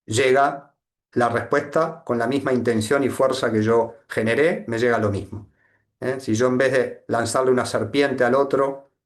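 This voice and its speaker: A man from Argentina with an Argentine accent, giving a reflective satsang talk with a reading, often pausing and adding tag questions. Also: mid-range voice, steady tone. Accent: Argentine Spanish. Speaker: spiritual teacher.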